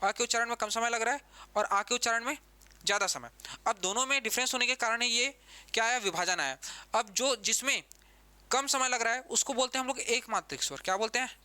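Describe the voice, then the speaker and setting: A man's voice: extremely high pitch, a little fast, bright, forceful tone, smooth. A man teaching an exam-prep grammar lesson, who repeats key terms and keeps asking the class questions.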